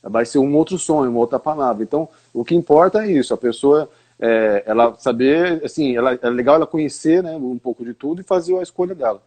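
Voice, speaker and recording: A man's voice: mid-range voice, a little fast, darkish tone. A man, an English teacher patiently explaining in a live online interview and repeating words to show them.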